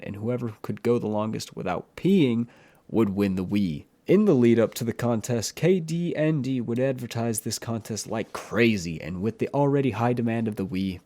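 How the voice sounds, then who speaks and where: This man's voice is mid-range and a little mellow. As a YouTube horror storyteller, he narrates a true-crime tale for his channel in a plain, earnest way, adding a handful of personal opinions.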